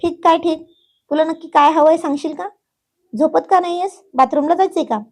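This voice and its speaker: A woman's voice: very high-pitched, fairly even intonation, brisk, darkish tone, pitched above the performer's own voice. A woman voicing an exasperated young man who scolds and teases, still patient underneath. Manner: scolding, teasing.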